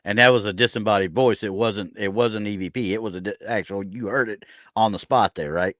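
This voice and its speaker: A man's voice: lowish voice, steady tone, a little fast, fairly bright tone, no room sound. Man co-hosting, dry close sound. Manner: supportive, teasing back-and-forth with frequent agreement. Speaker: podcast co-host. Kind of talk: casual chat.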